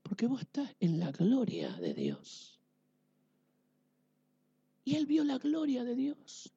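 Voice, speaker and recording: An animated woman preacher with a Rioplatense accent leads a sermon. She throws questions at her listeners and swings from near shouts down to quiet, close asides. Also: on the high side, takes it slowly, gravelly, breathy edge, dull audio. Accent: Rioplatense Spanish. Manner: animated, asks the audience questions and swings between loud and quiet. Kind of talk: lively sermon.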